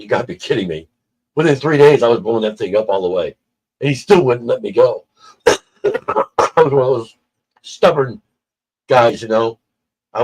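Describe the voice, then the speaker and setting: Livestream guest, male, husky mid-pitched voice, chatty storyteller who does the voices of people in his anecdotes. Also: poor audio. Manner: animated storyteller acting out quoted people.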